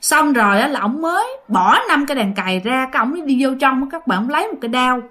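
Woman, southern vietnamese accent, chatty ghost-story teller, fairly high voice. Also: animated, quick pace, fairly bright tone. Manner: chatty, addresses listeners directly, many fillers. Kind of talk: casual spoken storytelling.

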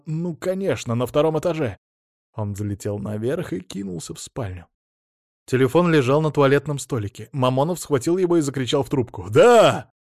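A man narrating a story in a measured, steady reading voice. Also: mid-range voice, no echo, clean studio sound. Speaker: audiobook narrator. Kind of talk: scripted narration.

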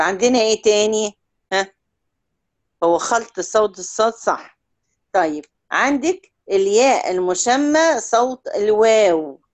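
A woman with an Egyptian Arabic accent teaching Quran recitation one-on-one, stretching example words out slowly and checking in often with short questions. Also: mid-range voice, a little mellow. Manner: drawls out example words slowly to demonstrate sounds. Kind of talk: one-on-one tajweed lesson.

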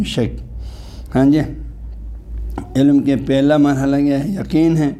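A man, a religious scholar, lecturing patiently and explaining step by step. He often checks in with his listeners and slowly recites Arabic scripture and technical terms. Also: medium pitch, warm tone.

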